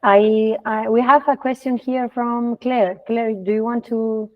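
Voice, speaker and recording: A woman's voice: a little high, steady tone, measured pace, lo-fi sound. A woman moderating an online meeting, inviting and encouraging the audience to ask.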